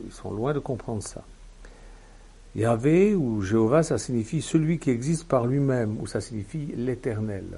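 A man's voice: fairly low pitch, gravelly, mellow, a little hiss or hum. A man preaching a sermon in a teaching manner, with emphatic bursts and frequent fillers.

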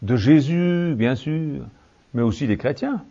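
A male preacher giving a fervent, rhetorical sermon that swings between low tones and shouted peaks. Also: lively intonation, measured pace, lo-fi sound.

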